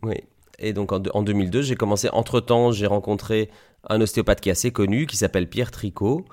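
Deep-voiced hesitant man from Belgium. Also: fast, a little mellow. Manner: hesitant, many fillers and restarts. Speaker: osteopath, podcast guest. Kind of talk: conversational interview.

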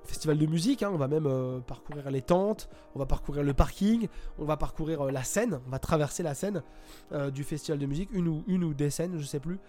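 A man's voice: fairly high pitch, brisk, mellow, faint music behind. A man reviewing a video game in casual talk from home, hesitant and full of fillers and restarts. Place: home, at a computer.

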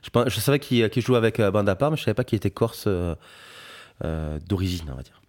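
A man's voice: on the low side, lively intonation, fast talker, darkish tone. A young man hosting a podcast in casual chat, hesitant and full of fillers. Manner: hesitant, many fillers, friendly. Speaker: podcast host, guitarist.

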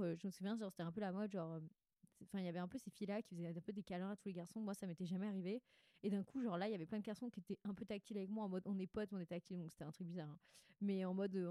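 A woman speaks with a stuffy, congested nose. Her voice is mellow, at an average pitch for a woman, and the sound is very dry with no room echo. She chats candidly and slangily, as if confiding a diary, often wandering and correcting herself mid-sentence. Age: 20s. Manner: candid, rambling, self-interrupting. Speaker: podcast host. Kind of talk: casual confessional monologue, chatty and slangy.

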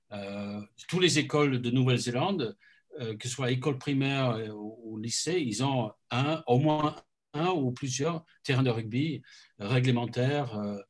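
A man from New Zealand answering an audience question at a book talk, earnest and halting with many restarts. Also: medium pitch.

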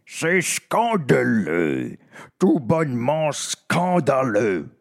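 A man plays an old vampire-werewolf grandpa with a very deep, husky, bellowing voice, slow and swooping. He fumes theatrically. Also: very animated, exaggerated voice. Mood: outraged. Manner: bellowing, outraged.

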